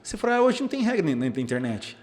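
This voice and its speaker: A man's voice: sits high, fast talker. A young Brazilian man, a psychologist, chatting casually on a podcast and acting out the remarks he quotes. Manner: animated storyteller, acts out quoted remarks, frequent restarts. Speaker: psychologist guest.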